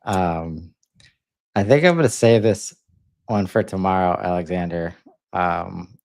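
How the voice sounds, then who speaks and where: A man's voice: low voice, unhurried, darkish tone. A man co-hosting a podcast, talking casually and hesitantly with many fillers. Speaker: podcast co-host.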